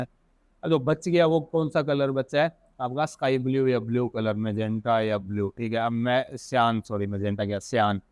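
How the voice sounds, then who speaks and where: A man with an Indian accent teaching software in a casual screen-recorded tutorial, thinking aloud and correcting himself as he goes. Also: mid-range voice, clear, resonant tone, no echo. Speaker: software instructor.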